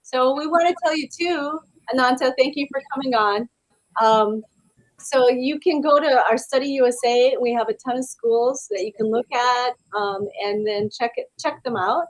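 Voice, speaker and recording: A woman's voice: high voice, moderate pace, dry recording, low-quality recording. A woman hosting a live webinar Q&A over a video call, chatting with many fillers and reading out viewer questions. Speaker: webinar host.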